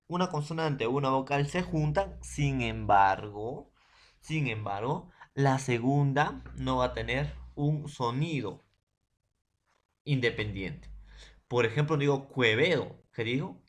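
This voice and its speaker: A man with a Peruvian accent teaching a secondary school language lesson, speaking in a repetitive way with frequent tag questions. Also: mid-range voice. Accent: Peruvian Spanish. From Peru. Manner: repetitive, keeps adding tag questions and "profesor". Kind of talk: remote class lecture.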